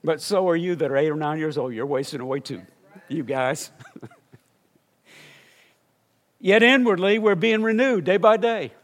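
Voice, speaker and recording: A man's voice: on the high side, expressive, moderate pace, long pauses. An older man, a missionary preacher, telling a story in a sermon and building to fervent exclamations.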